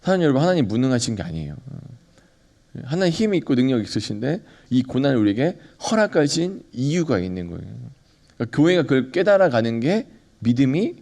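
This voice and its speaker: Pastor, male, mellow tone, chatty sermon with questions to the congregation. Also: mid-range voice, very animated, quick pace. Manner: conversational preaching, asks the congregation questions and acts out dialogue.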